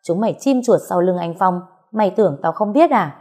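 A woman voicing a spiteful young female rival who whines and accuses in a shrill, raised voice. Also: animated, a little fast, a little mellow. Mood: shrill accusing.

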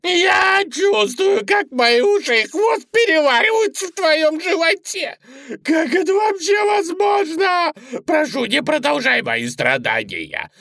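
A woman's voice: big pitch swings, unhurried, hardly any pauses, pushed and bright, no room sound, studio quality, exaggerated voice. Shrieking tormented chocolate bunny, as a woman puts it on. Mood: anguished shrieking. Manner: squeaky, wailing, cursing. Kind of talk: storybook narration.

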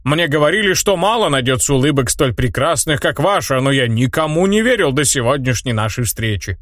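A man voicing a sly male mayor from a game world in an audiobook, laying on exaggerated flattery. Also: medium pitch, brisk, no room sound, clean studio sound, lightly acted. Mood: flattering.

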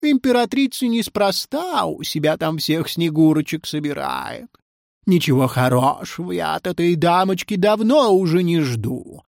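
A storyteller voicing a male cat who runs a fairy-tale school, melancholy and theatrical in a measured, dry delivery. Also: mid-range voice, vocal fry, a little mellow, no echo, voice pushed up. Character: pompous male cat deputy head in pince-nez.

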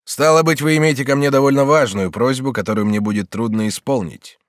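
A man's voice: medium pitch, fairly quick, no echo, clean studio sound, natural voice. A man reading an audiobook voices a kindly, easily moved middle-aged prince regent, exclaiming and questioning with raised emotion. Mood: earnest. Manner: exclaiming, warm and agitated.

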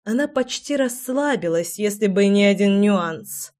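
A woman reading an audiobook aloud in steady, even narration. Her voice sits at a middle pitch, neither high nor low. The telling is plain and unhurried.

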